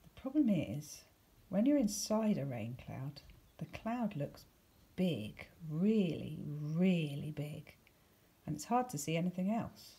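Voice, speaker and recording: With a low, mellow voice, this woman narrates a storybook for young children at an unhurried pace and with lively intonation. She's a teacher reading a picture book aloud, deliberately and expressively, adding dramatic emphasis and whispered words; faint background noise is audible.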